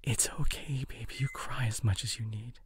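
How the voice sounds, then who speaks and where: A man playing a gentle, devoted boyfriend in an intimate audio role-play, speaking in a soft, breathy, soothing bedside voice. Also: mid-range voice, sing-song, a little slow, noisy background. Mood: tender, soothing.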